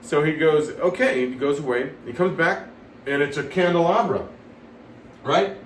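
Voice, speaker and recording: A man's voice: a little high, far from the mic. Male comic host, loose rambling joke delivery full of ums, slight room echo, faint noise behind. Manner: rambling, halting delivery with many fillers and laughs at own jokes. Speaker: comedy host telling jokes. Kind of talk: casual joke telling. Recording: roomy sound from away from the mic, faint background noise.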